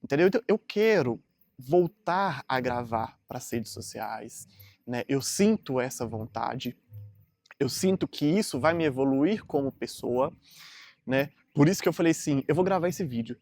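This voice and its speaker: A man's voice: medium pitch, lively intonation, moderate pace, darkish tone, no room sound. A man, talking casually and earnestly to camera in a rambling motivational vlog full of fillers. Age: 30s. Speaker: vlogger.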